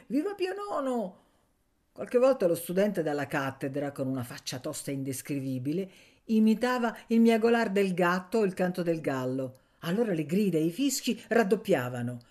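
A woman reading a classic novel aloud for radio in a measured, expressive way. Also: fairly low pitch. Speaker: audiobook reader.

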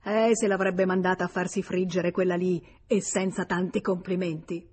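A woman reading a novel aloud as an audiobook narrator, in a steady, even storytelling manner. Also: fairly low pitch, normal speed, husky. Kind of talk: scripted literary narration.

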